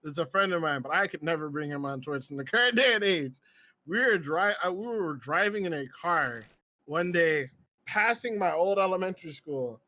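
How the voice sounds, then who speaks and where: A man's voice: a little high, lively intonation, normal speed, sharp tone. A young man hosting a casual podcast chat, telling stories and laughing often as he acts out quoted lines. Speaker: podcast host.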